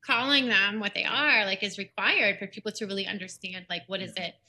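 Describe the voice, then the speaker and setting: A woman's voice: mid-range voice, fairly quick, bright, forceful tone. A woman who teaches teachers, talking casually with many likes and you-knows. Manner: chatty, lots of like and you know. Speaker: teacher educator, podcast guest. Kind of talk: casual conversational chat.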